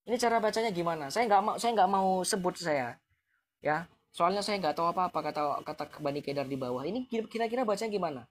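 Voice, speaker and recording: A man's voice: high-pitched, expressive, fast talker, slight background noise. Man taunting viewers on a live stream. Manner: taunting, challenging with rhetorical questions; chuckles mockingly between points.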